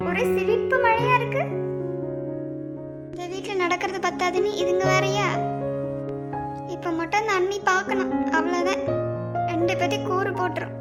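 Gossipy female onlooker in a cartoon; very high muttering asides. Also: fairly even intonation, normal speed, long pauses. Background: background music.

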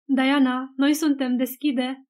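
Femeie care citește un bărbat în vârstă, aspru; voce înaltă, moale. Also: female voice, fairly high pitch, fairly even intonation, mellow, natural voice. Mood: urgent. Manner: gruff. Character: gruff older man, family friend.

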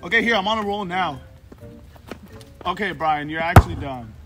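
A man's voice: high voice, animated, normal speed, in a large hall, loud music behind the voice. A man in his twenties chatting casually in a vlog, talking back defensively in frat-bro slang. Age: 20s. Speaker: vlogger. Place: outdoor backyard court and living room. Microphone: handheld camera at some distance.

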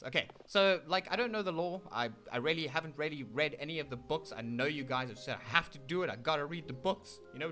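An excitable man with a South African accent gives casual gameplay commentary with a bright, sharp edge to his voice. His pitch swings up and down all the time as he chats to viewers. Faint game music plays behind him. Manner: excitable, keeps addressing viewers as "ladies and gentlemen"; meows and plays along as his kitten character. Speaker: gaming channel host.

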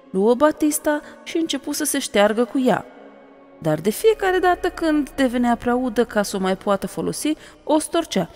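A woman narrates an audiobook, telling the story expressively. Her voice sits fairly high, carried by a long hall reverb. Faint music plays beneath. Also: darkish tone.

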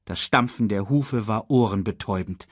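A man reading a children's story aloud in a slow, dramatic storytelling manner. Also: dry recording, clean studio sound. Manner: slow and dramatic, very lively in pitch. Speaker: audiobook reader. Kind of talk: storybook narration.

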